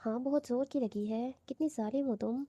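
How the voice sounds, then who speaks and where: A teasing, romantic young husband, read by a woman in a coaxing, playful tone. The voice is husky and very mellow, fairly high for a woman, with a close, dry sound. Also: dry recording. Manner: coaxing, playful, lightly reading.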